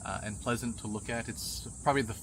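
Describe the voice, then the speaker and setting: A middle-aged man from Pakistan who grew up in the United States, answering a street interview thoughtfully with many pauses. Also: fairly low pitch, noisy background. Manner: thoughtful, measured, frequent "uh" pauses. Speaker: interviewee, visiting tourist father.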